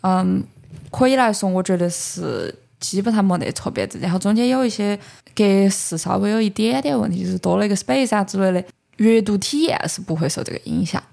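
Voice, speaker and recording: In casual book talk on her podcast, a woman with a Sichuanese accent explains things while sprinkling in English words. She speaks briskly and expressively in a warm, creaky, medium-pitched voice.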